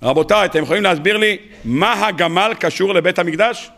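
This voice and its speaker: A man with a high, bright, forceful voice gives a Torah lecture to a live audience. He chants scripture slowly and breaks off for quick joking asides. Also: gravelly. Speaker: rabbi.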